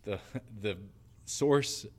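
A man with a fairly low voice hosting a casual podcast. He is relaxed and chatty, leading questions and telling stories at an easy pace. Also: very slow. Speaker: podcast host. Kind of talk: casual faith podcast chat.

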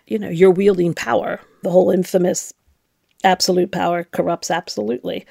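A woman's voice: on the low side, steady tone, brisk, creaky, dark tone. A middle-aged woman, a former nun, telling her story frankly and reflectively in an interview.

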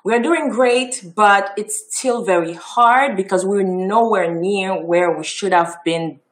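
Woman, Haitian French Creole accent, casual presentation, fillers and restarts, average pitch. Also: takes it slowly. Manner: warm, chatty, many ums and restarts. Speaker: festival founder giving a talk.

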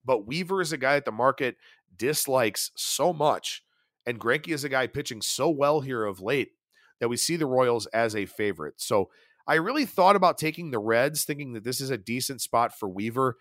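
Male betting podcast host, solo analysis, lively pitch, dry close mic. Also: no room sound. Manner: rapid stat-heavy delivery, animated.

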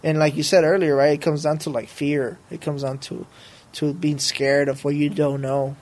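A man's voice: fairly high pitch, level tone, moderate pace, darkish tone. A man as a podcast guest, talking casually in a rambling, slangy way and often checking for agreement. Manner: slangy, rambling, peppered with bro and right. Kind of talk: casual conversation.

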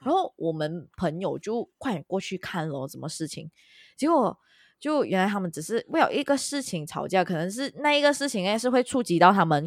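A woman's voice: lowish voice, dry recording, clean studio sound. A woman co-hosting a casual chat, telling a long story and dropping English words into her speech. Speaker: podcast co-host.

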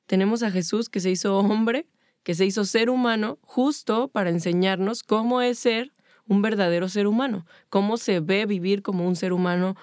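A woman's voice: mid-range voice, normal speed, darkish tone, no echo, clean studio sound. A woman with a Mexican accent talking casually about faith and emotions, stacking up long spoken lists. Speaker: podcast co-host.

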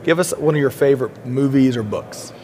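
A man's voice: medium pitch, brisk, darkish tone. A man hosting a podcast interview at a conference expo, upbeat and chatty with frequent fillers. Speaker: podcast host.

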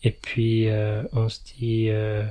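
A man's voice: lowish voice, completely flat delivery, takes it slowly, mellow. A man hosting a podcast in a casual, explanatory chat, laughing now and then at his own remarks. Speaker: podcast host.

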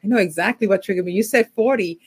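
A woman in her fifties, a social worker and coach, talking as a podcast guest in a thoughtful, hesitant way with frequent pauses. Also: medium pitch, breathy edge. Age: 50s. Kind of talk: conversational interview.

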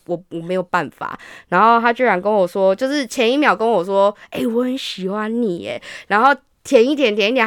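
A woman's voice: medium pitch, smooth, dry recording. Brief: candid female podcast co-host, dry studio mic sound. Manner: frank, animated storyteller. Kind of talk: casual podcast chat.

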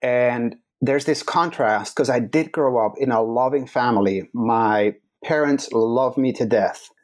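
Man, forties, from the Netherlands, podcast guest, earnest, measured, halting storytelling. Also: medium pitch, darkish tone. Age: 40s. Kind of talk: reflective personal storytelling.

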